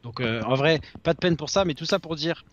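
A man's voice: fairly high pitch, fairly quick, highs cut off. A man from France co-hosting a gaming podcast in a casual, rambling chat full of fillers. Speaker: podcast co-host.

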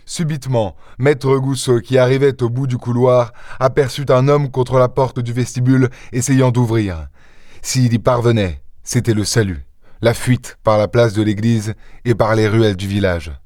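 A man reading a short story aloud in a measured, low-key narrating voice. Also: fairly even intonation, darkish tone, dry recording, studio quality. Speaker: audiobook reader. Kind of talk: scripted narration.

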